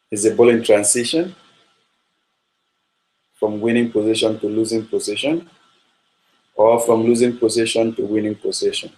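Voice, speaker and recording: Low in pitch and almost flat, a Nigerian football coach works through his talk at an even, deliberate speed. He repeats himself, circles back to earlier points, and drops frequent ums and uhs, all captured on a low-quality recording.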